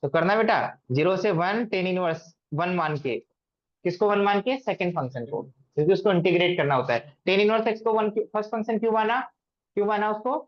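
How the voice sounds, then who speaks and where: A man's voice: high voice, brisk, dull audio. A man teaching maths to a class. He asks the students questions and repeats them often. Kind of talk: classroom lecture.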